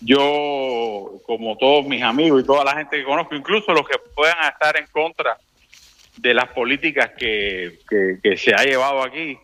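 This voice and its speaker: Bright-voiced halting man. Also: medium pitch. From Cuba. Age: middle-aged. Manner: halting, many restarts and fillers. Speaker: interview guest. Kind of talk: conversational interview.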